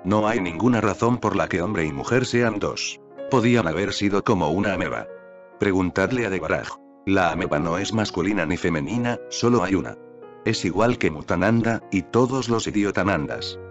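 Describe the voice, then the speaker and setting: A man reads a spiritual text aloud in a calm, measured way, his voice sitting a little low. The recording is dull and lo-fi. Soft music plays faintly underneath. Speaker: narrator.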